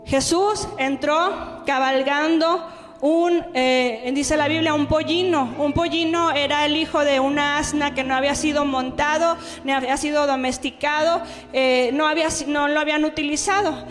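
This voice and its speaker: A woman's voice: high-pitched, steady tone, normal speed. A woman preaching a sermon, reading scripture and praying in an earnest, emphatic way. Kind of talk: sermon with Bible reading and prayer. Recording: reverberant hall, faint music behind.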